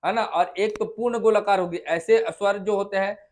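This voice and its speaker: High-voiced Hindi tutor checking on students. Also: male voice, steady tone, normal speed. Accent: Chhattisgarh Hindi. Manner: coaxing, repeats vowel sounds aloud, checks understanding. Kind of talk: classroom lesson. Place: classroom with students.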